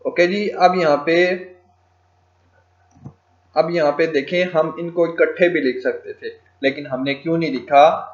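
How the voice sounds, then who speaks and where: A man walks through a tutorial at a very slow pace, spelling out English phrases one word at a time as he types them and dropping in short fillers between steps. His voice sits a little high for a man. It comes through as a dull, lo-fi recording in an echoey room. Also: fairly even intonation. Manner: frequent fillers "ok ji" and "theek hai". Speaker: freelancing tutor.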